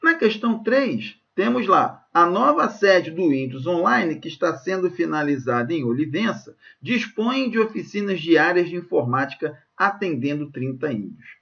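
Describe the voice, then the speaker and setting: A man's voice: a little high, sing-song, moderate pace, gravelly, few pauses, a bit bright, muffled recording. A man with a Brazilian Portuguese accent teaches an exam prep lesson, explaining grammar questions and checking in with his students often. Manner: didactic, checks in often with "ok?" and "gente".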